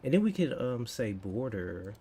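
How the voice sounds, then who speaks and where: A man's voice: medium pitch, moderate pace. A man in his thirties livestreaming while he codes, thinking aloud in half-finished, muttered phrases. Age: 30s. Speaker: coding livestreamer. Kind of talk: casual livestream chat while coding. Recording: steady background noise.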